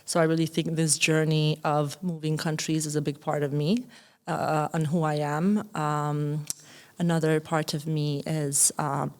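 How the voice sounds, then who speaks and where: A woman in her thirties with an Albanian accent and a notably low voice. As a podcast guest she talks about her life in a reflective way. She pauses often and searches for words. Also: flat delivery, a little mellow. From Kosovo. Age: 30s. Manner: thoughtful, hesitant with many fillers. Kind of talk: reflective interview talk.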